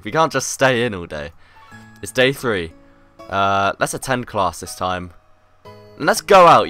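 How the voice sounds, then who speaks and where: A man's voice: on the low side, fairly bright tone. A man doing let's-play commentary, reading game text aloud with sarcastic jokey asides. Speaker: gaming YouTuber.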